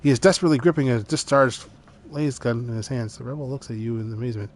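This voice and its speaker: A man's voice: mid-range voice, quick pace. A man reading game narration aloud dramatically, breaking into casual asides as he plays. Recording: music behind the voice.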